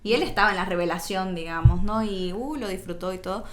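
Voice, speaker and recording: A woman's voice: medium pitch, fast, a little hiss or hum. A young adult woman, a guest on a podcast, talking casually and acting out the quoted dialogue in her stories. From Bolivia. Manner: chatty storyteller acting out quoted dialogue, frequent "digamos, ¿no?" fillers.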